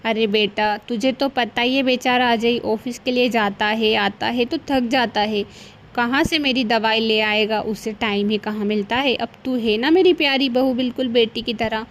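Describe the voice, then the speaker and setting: A crafty older mother-in-law, put on by a woman storyteller in a cartoon tale. She coaxes and flatters in a fairly high voice. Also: moderate pace, a little hiss or hum, lightly acted. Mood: coaxing. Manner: coaxing, heaps on flattery. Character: scheming sweet-talking old mother-in-law.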